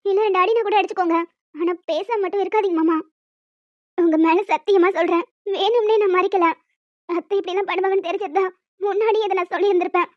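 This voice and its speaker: A woman's voice: extremely high pitch, fairly even intonation, fast, dry recording. A woman voicing a clingy young village wife who pleads and sulks in an audio romance drama. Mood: defensive. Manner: emotional, pleading, chatty. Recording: dull dry lo-fi recording.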